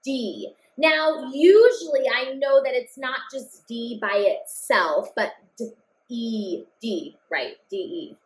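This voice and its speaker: Woman, cheerful phonics teacher, slightly high voice, slow drawn-out words. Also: rough recording. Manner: upbeat, addresses kids as friends, slow drawn-out words. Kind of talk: phonics lesson for children.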